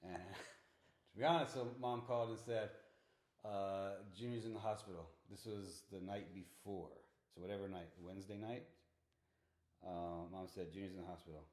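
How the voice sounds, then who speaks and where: A man's voice: low voice, steady tone, moderate pace, a little mellow. A middle-aged father telling his story in a casual interview, frank and profane, often checking with "right?". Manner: frank, swears, keeps asking "right?". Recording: echoey room.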